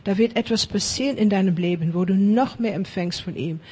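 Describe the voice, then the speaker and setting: In charismatic prayer ministry, a male preacher chants repeated blessings with fervor, now and then falling to a whisper. He speaks a little fast in a high, breathy, slightly mellow voice, and English phrases creep into his German prayer.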